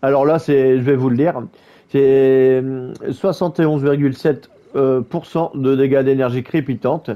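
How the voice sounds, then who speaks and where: A man's voice: medium pitch, fairly even intonation, unhurried, highs cut off. A man talking through a game build in a casual voice-over, stumbling over words with many fillers and restarts. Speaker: gaming YouTuber. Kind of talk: casual gameplay guide voice-over.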